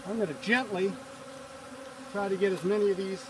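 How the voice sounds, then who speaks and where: A hobby beekeeper in a bee suit and veil calmly talks through a hive check step by step as he works outdoors on a farm, a casual how-to. His voice is high-pitched and brisk. The camera sits a few feet away, so the audio is distant, with buzzing bees and other background noise.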